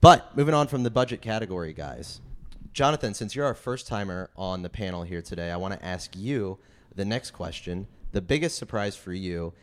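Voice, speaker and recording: A man hosting a podcast panel, steering it with brisk questions. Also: low voice, animated. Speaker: podcast host.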